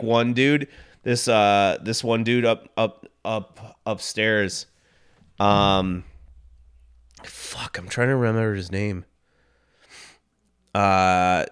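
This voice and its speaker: A man on a podcast, telling a story in casual chat, rambling and swearing, with loud acted-out quotes. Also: on the low side, clear, resonant tone. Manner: rambling, swearing, laughing, acts out quotes loudly. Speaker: podcast co-host. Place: Los Angeles.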